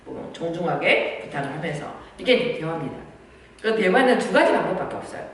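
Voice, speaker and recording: Woman giving a parenting talk, lowish voice, far from the mic, lots of room echo. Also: big pitch swings, fast talker. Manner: gentle, explanatory, often acts out parent and child lines. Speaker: parenting instructor. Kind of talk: lecture with acted-out dialogue examples. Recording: echoey room from far off with faint noise.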